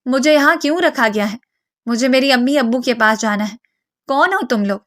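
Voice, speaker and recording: Brief: panicked young woman, shrill and insistent, high voice, as a woman narrator reads her. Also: lively intonation, a bit bright. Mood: frantic. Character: frightened young woman, frantic and demanding.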